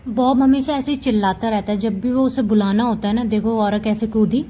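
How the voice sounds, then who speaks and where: Mellow-voiced woman chatting about her cats. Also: fairly high pitch, fairly even intonation, a little fast. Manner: chatty, fond, explains with "dekho" asides. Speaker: cat vlogger.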